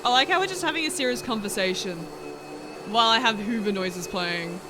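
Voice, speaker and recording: A woman's voice: fairly high pitch, lively intonation, fairly quick, background noise. A woman streaming a roleplay game, chatting casually and giggling often while she plays at home. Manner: giggly, chatty, easily amused. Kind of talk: casual live-stream chat. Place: home room with a vacuum running.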